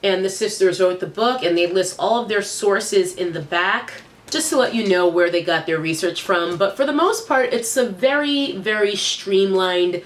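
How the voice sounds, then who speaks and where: A young beauty vlogger chats upbeat about hair products from a small indoor room, her fairly low voice congested and nasal with a cold. A faint hiss or hum sits under the recording.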